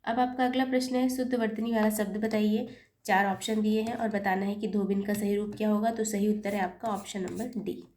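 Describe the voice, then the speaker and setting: A woman gives an exam-prep lesson as a Hindi teacher, patiently explaining corrections step by step while correcting her own slips and apologizing for them. She speaks fairly quickly in a medium-pitched, steady, slightly mellow voice.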